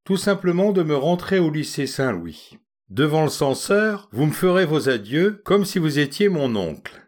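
A man's voice: on the high side, sing-song, moderate pace, a little mellow. A man voicing a polite, eager young schoolboy asking a stranger for a favor.

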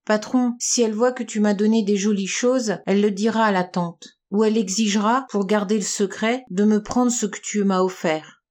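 A shy young servant woman, voiced by a woman reading aloud speaks with hesitant, pleading timidity. Her pitch stays in a middling, everyday register. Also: steady tone, normal speed, hardly any pauses, a little mellow, close to an everyday voice. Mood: embarrassed.

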